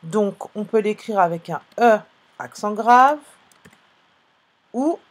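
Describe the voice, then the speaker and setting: A woman teaching young children to read in a live online lesson, going slowly and patiently as she spells out sounds and letters. Her voice is a little breathy, and the pace is unhurried throughout. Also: medium pitch, lively intonation. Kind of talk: phonics lesson for young pupils. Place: online class, live stream.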